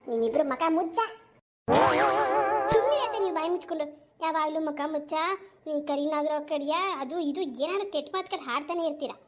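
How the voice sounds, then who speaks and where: Woman as a high, sharp-tongued cartoon daughter-in-law who scolds and retorts briskly. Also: expressive, faint music behind. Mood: scolding. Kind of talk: animated cartoon voice acting.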